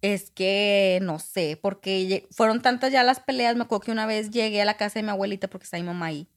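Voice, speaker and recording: Woman, 20s, podcast guest; candid storyteller who acts out the lines of others, mid-pitched. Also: quick pace. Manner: candid, acts out quoted dialogue. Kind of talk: personal storytelling in conversation.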